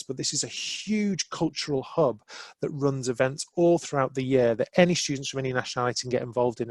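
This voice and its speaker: Man presenting over a video call, mid-pitch, dry close sound, upbeat with many fillers. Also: dry recording. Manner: enthusiastic, many "uh" and "um" fillers, talks over slides. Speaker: university representative. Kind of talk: promotional presentation in a webinar. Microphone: video call microphone.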